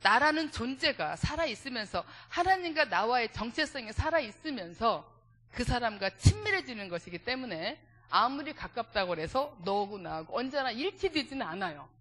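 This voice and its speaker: A woman's voice: on the high side, normal speed. A woman leading a church family seminar, speaking with animation and checking in with the congregation with direct questions. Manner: animated, acts out everyday dialogues.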